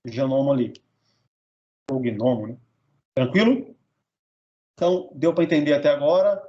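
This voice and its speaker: This grammar lesson comes from a Brazilian man with a medium-pitched, dark voice and a moderate pace. He pronounces words syllable by syllable and checks understanding with "tá?" and "beleza?", in a Brazilian Portuguese accent over dull audio.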